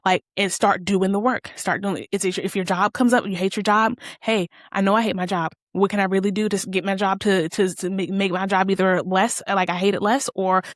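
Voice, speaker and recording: A woman's voice: mid-range voice, steady tone, brisk, few pauses, dry recording, studio quality. A young adult woman hosting a casual spiritual talk, rambling loosely with lots of fillers and restarts. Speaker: host.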